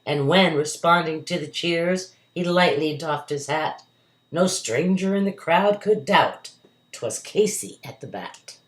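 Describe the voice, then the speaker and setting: A woman's voice: sits low, expressive, unhurried. A woman reading a verse story aloud to children with dramatic, emphatic delivery, recorded indoors at home. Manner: dramatic, emphatic delivery with acted character voices. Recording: roomy, echoey home recording.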